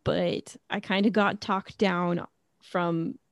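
A woman co-hosting a casual podcast chat in a relaxed, wry, teasing manner. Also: on the low side, slow pace, clear, resonant tone, no room sound, clean studio sound. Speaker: podcast co-host.

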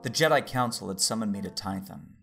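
An actor voices a calm, tender Jedi master, narrating in first person with a measured, formal manner and a gravelly, husky delivery. The male voice sits lowish, the mood is composed, and faint music plays behind.

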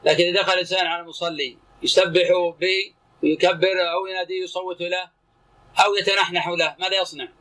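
A man's voice: sits high, level tone, bright, forceful tone, low-quality recording. A man teaching as a sheikh, commenting on texts and questioning a student in short, clipped phrases. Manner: terse, brisk, asks and answers in short clipped phrases.

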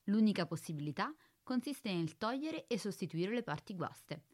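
A woman voicing a calm, precise spaceship computer in a radio drama, speaking in a flat, formal, bureaucratic way. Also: medium pitch, normal speed.

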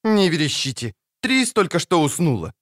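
A man's voice: on the high side, very animated, normal speed, fairly bright tone, voice pushed up. Cheeky little girl, voiced by a man. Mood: teasing. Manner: pert, sing-song teasing. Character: cheeky young girl, quick and teasing. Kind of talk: audiobook character voice.

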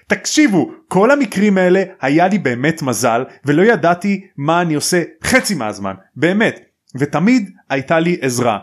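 Give me a man playing a modest teenage boy wizard, flustered and protesting, slightly high. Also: very animated.

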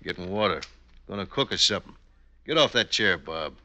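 An actor in an old-time radio drama playing a folksy American outlaw husband, gruff and laconic. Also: male voice, low-pitched, expressive, fairly quick, bright, forceful tone, heavily acted. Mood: curt, bossy. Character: outlaw husband come home, gruff, watchful and easygoing. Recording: old radio recording with hiss, clicks.

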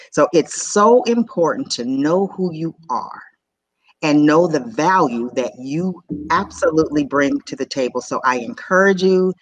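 A woman guest on an online program, giving an emphatic, rallying motivational talk. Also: low-pitched. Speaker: guest speaker.

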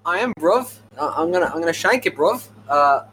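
An american guy doing a jokey london roadman voice, pitched way up, saying bruv a lot. a put-on young tough, mock menacing, all in fun. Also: lively intonation, a little fast, fairly bright tone, rough recording. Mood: mock-threatening. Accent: put-on London street slang.

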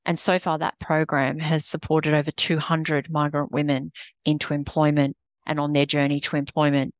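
A woman's voice: low-pitched, flat delivery, moderate pace, no echo. A middle-aged woman with an Australian accent, talking earnestly as an interview guest, restarting her sentences often. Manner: earnest, rambling with frequent restarts. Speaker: guest, executive coach. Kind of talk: casual interview conversation.

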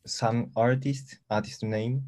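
Man, japanese accent, slow, low mellow voice, halting english, musician in an interview. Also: fairly even intonation. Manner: halting English, searching for words. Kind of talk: casual interview answers.

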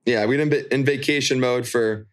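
A man's voice: mid-range voice, steady tone, normal speed. A man chatting casually as a podcast co-host, upbeat and informal, speaking to his listeners like friends. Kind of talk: casual chat. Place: holiday rental, remote call over spotty Wi-Fi.

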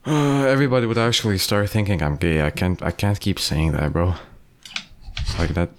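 A man's voice: low voice, moderate pace. A young man with a Croatian accent chatting casually as a podcast co-host, blunt and full of bro slang. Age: teenager or young adult. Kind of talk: casual chat.

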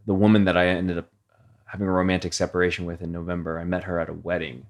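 Man, podcast host and coach, earnest, reflective, slightly low voice. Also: little pitch movement, quick pace. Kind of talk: heartfelt conversational podcast.

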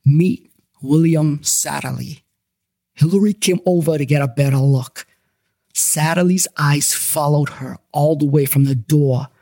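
A man's voice: on the high side, measured pace, vocal fry, mellow, no room sound. A man narrating a paranormal detective story in the first person, with a wry, joking delivery over background music.

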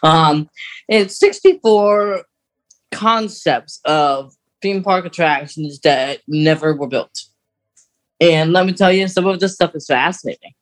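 A podcast co-host, a man with a fairly high voice, talks at a slow pace in a casual, chatty conversation, explaining things like an enthusiast.

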